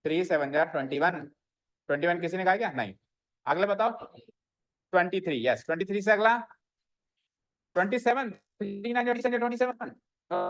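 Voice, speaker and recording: A man's voice: high-pitched, a bit bright. A male maths teacher giving a classroom lesson, asking the students questions and repeating their answers back to them, with English maths terms mixed into his talk.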